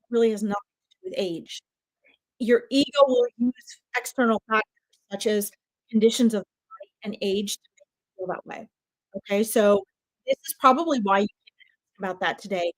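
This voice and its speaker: A woman's voice: mid-range voice, a little fast, long pauses, no echo, low-quality recording. A woman in her fifties, a medium giving chatty live readings straight to her viewers. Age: 50s.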